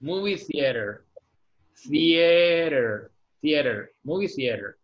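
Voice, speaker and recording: A man teaching an English class in Spanish, patiently repeating words slowly for pronunciation over a video call. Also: mid-range voice, expressive. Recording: dull lo-fi video-call audio.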